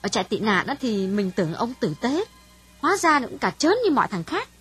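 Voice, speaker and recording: A woman voicing a frank, worldly young woman in an audiobook, speaking bluntly to a friend in a husky voice. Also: fairly high pitch, big pitch swings, a little fast, soft background music, exaggerated voice. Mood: earnest, candid. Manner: frank, dismissive storytelling. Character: calm, worldly young Vietnamese woman, older sister.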